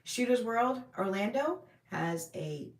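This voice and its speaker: A woman's voice: on the high side, expressive, slow pace, echoey room. A woman hosting a casual livestream, chatting with viewers in a friendly, rambling way. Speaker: livestream host. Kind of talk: casual live chat answering viewers.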